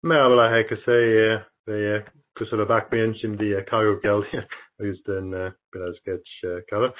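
A thin, phone-like call carries a middle-aged man's fairly low voice. He has an English speaker's foreign accent and presents in broken, halting Turkish, pausing often between short phrases. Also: flat delivery. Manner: halting, broken non-native Turkish with frequent pauses. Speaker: sustainability director presenting at a webinar. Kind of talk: slide presentation. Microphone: video call. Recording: thin, phone-like webinar audio.

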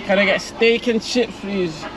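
At a measured pace and in a high voice, a young British prankster vlogger keeps up slangy, informal chat inside his car during drive-through pranks. The interior is noisy with the engine and a hum from outside.

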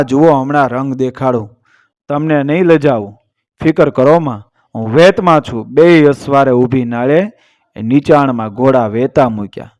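A man narrating an old folk tale, reading the characters' lines dramatically. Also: medium pitch. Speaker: storyteller.

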